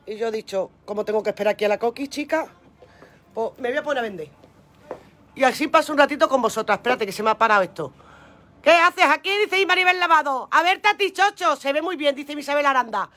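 A woman's voice: high voice, expressive, fast talker, a bit bright. An older woman, hosting a chatty live stream from her phone at home. She sounds flustered by the app and reads out her viewers' names with pet names. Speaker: online seller doing a live stream.

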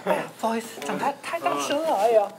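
Man playing a fussy doting mom in a skit, lively up-and-down voice. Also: very high-pitched, fast, vocal fry, heavily acted. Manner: fussy, bossy home-cook chatter. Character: fussy, doting mother running a family restaurant. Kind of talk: comedy skit role-play.

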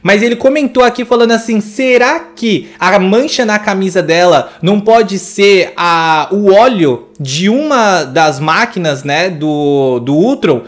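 A man's voice: high-pitched, expressive, a little slow, hardly any pauses. A man with a Brazilian Portuguese accent reacting to a movie trailer, effusive and exclamatory as he gushes over each scene. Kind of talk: excited trailer reaction commentary.

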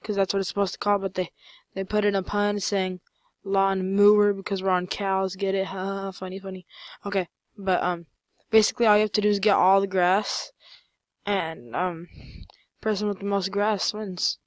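A woman giving casual, rambling commentary over her own gameplay, full of fillers and sudden excited outbursts. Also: medium pitch, normal speed, dry recording.

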